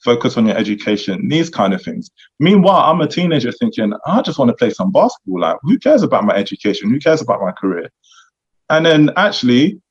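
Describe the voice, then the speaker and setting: A man mentoring young men in a relaxed chat, reflective and conversational, with lots of "you know" asides. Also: on the low side, breathy edge. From United Kingdom. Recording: dull lo-fi sound.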